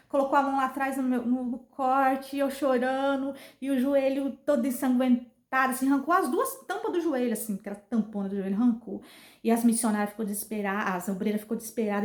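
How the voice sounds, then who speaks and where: Brazilian woman in an echoey room. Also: high-pitched. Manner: earnest, repetitive retelling. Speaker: vlogger. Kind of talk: casual personal storytelling. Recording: roomy echo.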